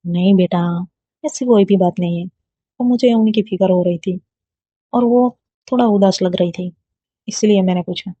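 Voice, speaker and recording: A woman reading a storybook voicing a patient, caring middle-aged father who speaks softly and reassuringly. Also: medium pitch, normal speed, long pauses, slightly rough, dry recording, lightly acted. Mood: gentle. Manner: soft, reassuring. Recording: dull lo-fi dry recording.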